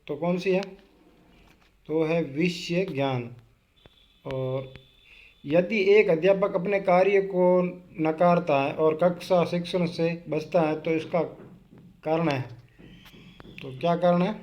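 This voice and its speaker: A man's voice: on the high side, steady tone, slow, long pauses, muffled recording, a little hiss or hum. A man with a Rajasthani Hindi accent teaching an exam-prep quiz lesson. He reads each question, asks it back and answers it himself.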